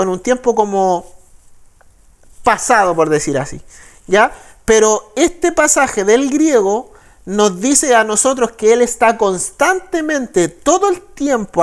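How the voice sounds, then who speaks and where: A man with a Chilean Spanish accent, a pastor teaching the Bible in a sermon. He reads verses slowly and keeps checking with listeners. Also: very high voice. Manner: frequent tag questions, slow deliberate verse reading.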